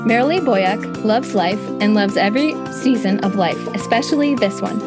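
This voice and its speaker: A woman hosting an interview podcast reads her intro script and then chats enthusiastically with her guest, her voice scratchy today. She speaks at medium pitch and a moderate pace, with loud music playing behind her.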